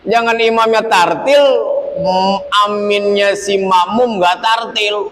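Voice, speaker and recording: Brief: high-pitched, slow-paced male preacher, humorous chanting sermon, echoey mosque hall. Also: slight background noise. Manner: lively and humorous, chanting Arabic verses, acting out imam and congregation.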